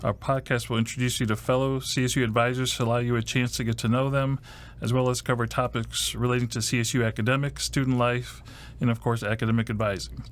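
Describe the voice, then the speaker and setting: A man's voice: mid-range voice, level tone, fast talker. Rambling Ohio man in his fifties. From Ohio, USA. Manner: rambling, full of "you know" and "like", dry jokes. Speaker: host and first-year university advisor. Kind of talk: casual podcast interview. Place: podcast studio.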